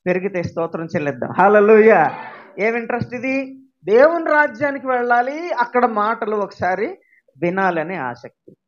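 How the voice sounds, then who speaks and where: A man's voice: sits high, very animated, normal speed, highs cut off. A male pastor with a Telugu accent preaching a sermon, questioning his listeners and rising into emphatic bursts.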